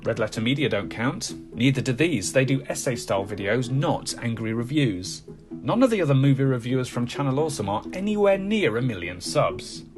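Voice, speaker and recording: Male video essayist, conversational and emphatic, highly animated intonation, medium pitch, music underneath. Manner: conversational, rhetorical questions, emphatic. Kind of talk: scripted video essay narration. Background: background music.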